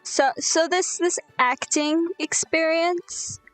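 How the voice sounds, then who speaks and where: A woman's voice: very high voice, steady tone, slow, soft background music. A young woman telling a rambling, sweary, self-deprecating story while gaming. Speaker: gaming streamer.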